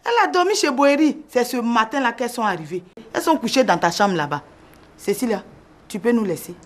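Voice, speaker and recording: A man voicing a nosy, sharp-tongued woman of the house who answers back quickly. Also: very high-pitched, lively intonation, voice pushed up. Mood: indignant. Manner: quick, retorting.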